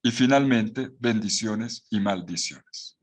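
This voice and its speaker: A man's voice: fairly low pitch, takes it slowly. A man giving a Bible course lecture with a Latin American Spanish accent, explaining patiently with rhetorical questions and restarts. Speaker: Bible teacher.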